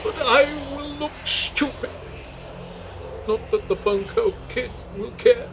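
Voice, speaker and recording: A man's voice: very high voice, slow pace, gravelly, a loud crowd, full character voice. A man playing a fretful, put-upon uncle who is the straight man of a comic act. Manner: worried, complaining.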